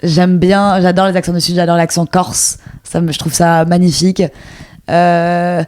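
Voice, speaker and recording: A young woman in her twenties co-hosting a podcast in casual chat, lively and mixing in English slang. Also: on the low side, unhurried, smooth. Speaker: podcast co-host.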